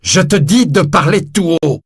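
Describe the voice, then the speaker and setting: A man voicing a harsh, mocking police inspector who shouts and sneers. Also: sits high, a little slow, vocal fry, slightly rough, no room sound, studio quality, voice pushed up, heavily acted. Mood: shouting. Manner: loud, sneering, laughing.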